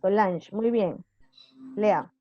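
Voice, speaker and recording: A woman's voice: medium pitch, very slow, no room sound, muffled recording, soft background music. A woman teacher giving a live online class, patiently quizzing her students with questions.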